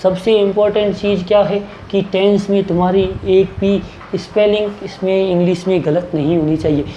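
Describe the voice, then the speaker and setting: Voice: medium pitch, steady tone, normal speed, mellow, echoey room, dull audio, slight background noise. A teacher giving a grammar lesson in a coaching classroom, who asks a question, answers it and repeats the key words.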